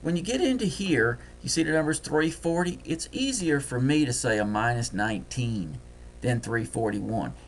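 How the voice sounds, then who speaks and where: A man with a Deep South accent, talking fast and folksy through a screen-recorded trading software tutorial. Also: animated, a little hiss or hum. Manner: folksy, talks fast while clicking.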